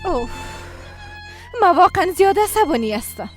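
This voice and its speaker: A woman with a Tajik accent voicing an upset but forgiving young woman in a dubbed TV drama, lively and quick-spoken. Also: extremely high pitch, faint music behind. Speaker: young adult daughter in a family drama.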